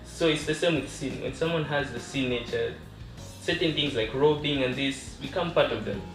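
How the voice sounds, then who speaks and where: A man from Zambia, a guest calmly explaining his beliefs in a casual discussion. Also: mid-range voice, normal speed. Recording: echoey room, distant voice, faint music.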